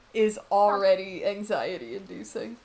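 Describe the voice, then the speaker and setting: A woman's voice: mid-range voice, lively intonation, slow pace, darkish tone. A woman hosting a let's play, chatting casually and self-deprecatingly as she plays. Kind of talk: casual gameplay chat.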